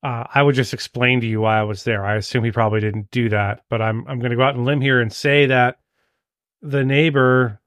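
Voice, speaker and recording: A man's voice: medium pitch, fairly even intonation, fairly quick, fairly bright tone, dry recording, studio quality. A man hosting a podcast interview who breaks in to speak to the listeners. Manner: brief affirmations, talks straight to the listeners. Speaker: podcast host.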